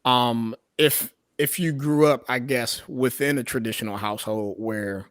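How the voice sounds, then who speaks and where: A man's voice: mid-range voice, fairly even intonation, measured pace, fairly bright tone, dry recording, clean studio sound. Laid-back man talking slangy podcast chat. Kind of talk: casual discussion.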